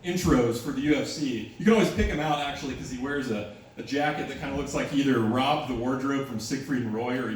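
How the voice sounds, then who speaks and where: A man performing a conversational stand-up comedy set at an open mic, telling stories and slipping into quoted voices. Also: mid-range voice. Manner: conversational storytelling with put-on voices. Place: live open-mic venue with a small audience. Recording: echoey room, distant mic, noisy.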